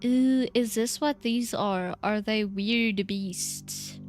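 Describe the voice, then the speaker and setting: A woman's voice: medium pitch, slow, soft background music. A woman streaming a game in casual, chatty commentary, talking to herself, giggling and trailing off mid-thought.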